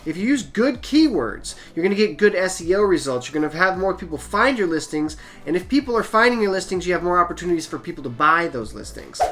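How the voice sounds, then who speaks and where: A man's voice: high-pitched, sing-song, quick pace, few pauses, a bit bright, a little hiss or hum. A man hosting his own channel, giving practical selling advice in a casual, plain-spoken way. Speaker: channel host, eBay seller. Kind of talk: casual how-to talk to camera.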